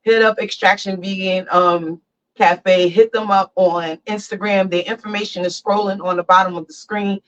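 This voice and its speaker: Chatting casually and with hype, a podcast host speaks into her phone from a barber chair. Her mid-range voice holds a steady tone at normal speed, and the phone mic makes it sound lo-fi.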